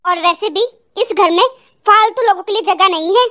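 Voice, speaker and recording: A voice actor playing a harsh, domineering young husband in an animated family drama. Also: male voice, very high voice, normal speed. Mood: angry. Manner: harsh, domineering, shouting orders. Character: angry young husband throwing out his mother-in-law. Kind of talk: animated cartoon drama dub.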